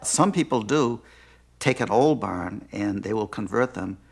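Older ceo guy, low gravelly voice, talks it through slow and thoughtful, faint hiss. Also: animated. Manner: thoughtful, gestures as he explains, restarts mid-phrase. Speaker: company CEO. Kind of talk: interview. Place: indoor living room.

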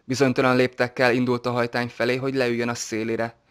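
A man narrating an audiobook in a steady, even reading voice. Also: mid-range voice, clear, resonant tone.

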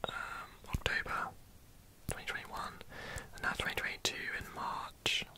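A young British man chatting casually in a breathy ASMR whisper, rambling and confiding. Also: unhurried. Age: young adult. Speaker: ASMR video host.

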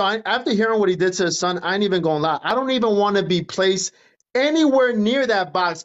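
A man's voice: high voice, fairly bright tone. A man with a New Jersey accent talking casually and emphatically on a livestream, repeating his points into a phone. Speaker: livestream host. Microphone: phone at arm's length. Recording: dull lo-fi livestream phone audio.

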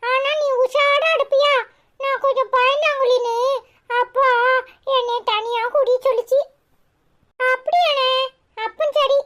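A woman's voice: fairly even intonation, a little slow, fairly bright tone. Woman as small cartoon boy: Tirunelveli accent, piping voice, chatty, cheeky, caring. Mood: playful. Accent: Tirunelveli Tamil. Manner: chirpy, high-pitched childish chatter.

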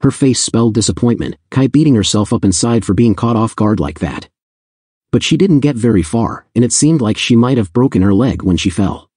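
A man's voice: mid-range voice, expressive, brisk, warm tone, slightly rough, dry recording, clean studio sound. A man narrating a first-person fantasy audiobook in an intense, blunt, casually profane storytelling manner.

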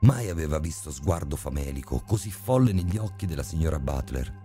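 Male horror narrator, very deep and mellow, expressive storytelling. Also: fairly quick. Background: soft background music.

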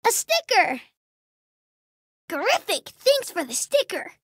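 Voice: extremely high pitch, wildly swooping pitch, a bit bright, no room sound, studio quality, full character voice. A young performer voicing a cheerful, eager boy tiger cub in a children's cartoon game, speaking simply and kindly to small children. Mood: cheerful, friendly. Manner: simple, slow, friendly instruction to young children.

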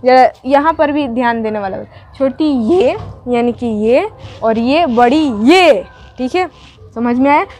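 High-voiced woman teaching letters, call-and-answer. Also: a little mellow, a little hiss or hum. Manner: asks and answers her own questions, repeats sounds slowly. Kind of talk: teaching Urdu letters at a board.

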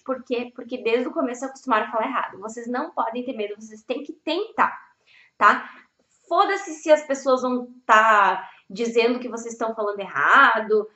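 A woman's voice: a little high, sharp tone. A young woman giving a casual video lesson on language learning, blunt and emphatic, swearing freely. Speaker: Spanish teacher. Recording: echoey room, slightly dull audio.

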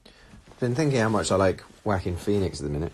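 Young man, deep husky voice, casual chat, phone held at arm's length, small room. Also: a little fast. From England. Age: young adult. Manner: chatty and animated, reads out viewer comments. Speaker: livestream host answering viewer questions. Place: small room indoors, seated on red sofa.

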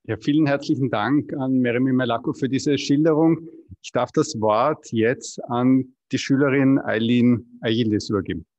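A man's voice: medium pitch, moderate pace, darkish tone, dry recording. Male moderator, formal polite introductions, dry close sound, slightly dull. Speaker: press conference moderator.

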